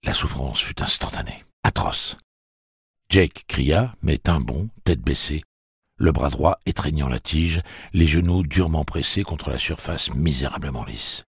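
A man reading a novel aloud as an audiobook narrator, with a gravelly, husky voice and a steady, measured delivery. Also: a bass voice, dry recording, clean studio sound. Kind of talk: scripted narration.

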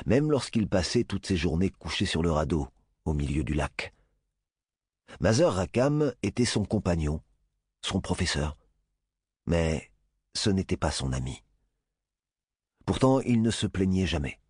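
Deep-voiced man narrating an audiobook. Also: darkish tone, breathy edge, dry recording, clean studio sound. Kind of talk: scripted narration.

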